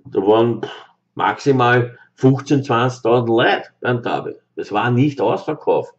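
A man's voice: mid-range voice, expressive, measured pace. A man in his thirties with a Viennese accent, giving an emphatic opinion monologue to camera as a football fan, repeating his points with many fillers. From Austria. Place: small room indoors. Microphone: webcam close up. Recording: dull lo-fi webcam audio.

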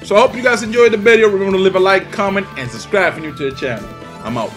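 This high-pitched, fairly bright male voice races along very fast as a young Dominican YouTuber trash-talks and swears his way through live commentary on his own online game. Game music runs underneath.

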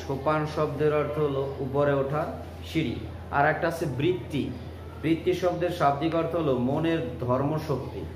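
A man with a Bangladeshi Bengali accent teaching a vocabulary lesson, explaining word meanings slowly and repeating each word. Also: a little high. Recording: echoey room with clear background noise.

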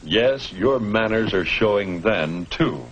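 Speaking slowly with lively intonation, this fairly low-pitched male narrator guides viewers through a 1950s educational film, teaching and tossing out rhetorical questions. The audio is a noisy, old 1950s film soundtrack.

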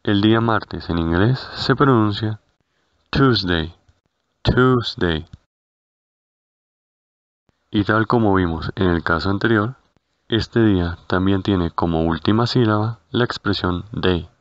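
A man with a very low voice narrates a scripted language lesson at a slow, deliberate pace. He repeats each word carefully. The recording is dry and a bit dull and lo-fi. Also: dry recording. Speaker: language teacher.

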